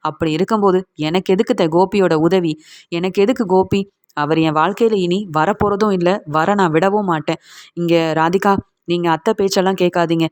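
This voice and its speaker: A woman's voice: lowish voice, natural voice. A woman voicing a defiant middle-aged daughter-in-law who firmly scolds her mother-in-law while retelling a TV serial scene. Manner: firm, reproachful, lecturing.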